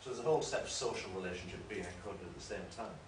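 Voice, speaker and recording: A deep-voiced man races through an academic lecture, explaining discursively and frequently correcting himself. The recording is distant and roomy, with faint noise.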